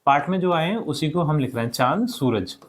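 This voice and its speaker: A young adult male teacher giving a recorded lesson to schoolchildren, repeating each word slowly and checking in with the class after each point. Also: a little high, expressive. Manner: addresses the class as children, checks with "ठीक".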